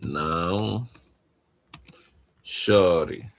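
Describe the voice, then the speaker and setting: A man teaching a casual online language lesson, speaking haltingly and often checking in with "okay?". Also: low voice, gravelly.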